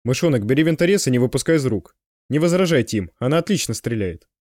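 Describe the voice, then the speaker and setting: A man's voice: mid-range voice, animated, quick pace, a little mellow, dry recording, close to an everyday voice. A man voicing a tough male stalker who speaks bluntly with dry irony. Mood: wry.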